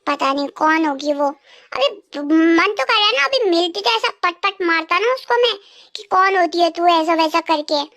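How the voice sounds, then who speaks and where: A woman's voice: extremely high pitch, lively intonation, normal speed, a bit bright, no echo, studio quality, exaggerated voice. A woman voicing a young husband in a comedic dub, coaxing and repeating apologies. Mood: irritated.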